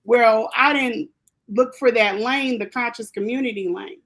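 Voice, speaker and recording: A woman who grew up in Germany talks through a personal story as a guest in a casual interview. Her voice sits a little high. She rambles, circling back with fillers and restarts as she goes. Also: measured pace, fairly bright tone.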